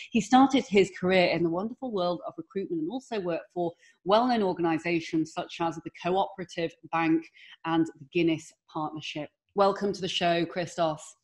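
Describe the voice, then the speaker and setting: Woman hosting a podcast. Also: on the low side. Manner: rambling questions with "you know" and restarts. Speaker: podcast host. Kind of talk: podcast interview.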